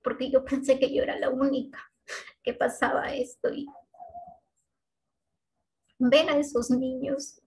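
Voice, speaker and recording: A woman giving a personal faith testimony as a mother, speaking in a heartfelt, halting way with restarts and tag questions. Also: sits high, little pitch movement, darkish tone, poor audio.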